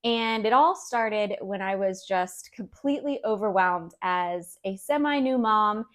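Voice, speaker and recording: A woman's voice: medium pitch, unhurried. A woman in her thirties hosting a decluttering vlog, talking in a friendly, encouraging way with light laughs. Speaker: decluttering channel host. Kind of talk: casual instructional vlog talk.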